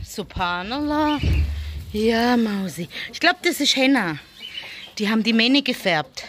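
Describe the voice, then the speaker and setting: A woman's voice: fairly high pitch, a bit bright. A woman filming a casual vlog in a stable, chatting to the viewer and coaxing her animals in a sing-song voice. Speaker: vlogger.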